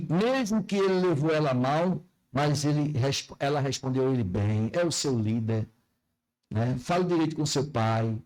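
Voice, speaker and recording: A pastor preaching a folksy sermon in church, often asking the congregation questions. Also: male voice, fairly high pitch, a little mellow, poor audio.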